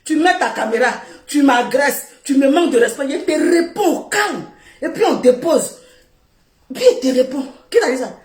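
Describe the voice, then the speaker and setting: Brief: high-voiced woman, West African French accent, live-video rant, loud and mocking, roomy echo. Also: expressive, normal speed. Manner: loud, laughing, repetitive scolding. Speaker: social media personality. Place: seated on the floor indoors, filming herself.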